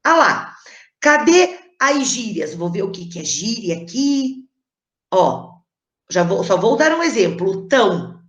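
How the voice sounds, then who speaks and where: A woman's voice: medium pitch, very animated, takes it slowly. A woman teacher giving a recorded class, explaining patiently and often checking in with her students. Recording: roomy echo.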